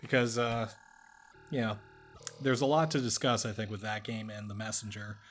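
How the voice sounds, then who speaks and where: A man's voice: on the low side, little pitch movement, moderate pace, fairly bright tone, soft background music. A man co-hosting a casual podcast, rambling with lots of "like" and filler words. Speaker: podcast co-host. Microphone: podcast microphone.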